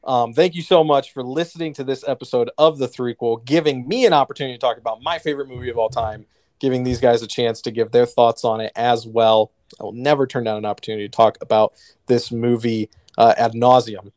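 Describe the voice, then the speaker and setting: A man hosting a movie podcast in easy, rambling chat, trading jokes as he closes the show. His voice sits at an ordinary middle pitch, and the recording is dry and close, with no room echo. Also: fairly even intonation, brisk, darkish tone. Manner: jokey, rambling, wraps up the show. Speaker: podcast host.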